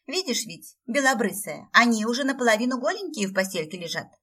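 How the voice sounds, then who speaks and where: A woman's voice: fairly high pitch, big pitch swings, fairly quick, pushed and bright, voice pushed up, exaggerated voice. A woman voicing a cheeky, boastful little male dragon who teases brashly, heard from a slightly distant mic. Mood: gloating. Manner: teasing, brash, chatty.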